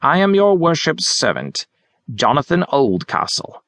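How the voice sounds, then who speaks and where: A narrator putting on a quaint, stooped old gentleman who speaks in courtly archaic flourishes, lifting his voice well above the storyteller's own. The delivery is theatrical and elaborate, as if quoting an old play. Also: fairly high pitch, wildly swooping pitch, measured pace, vocal fry, dry recording, pitched above the performer's own voice, exaggerated voice. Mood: florid. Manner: florid, mock-Shakespearean, courtly.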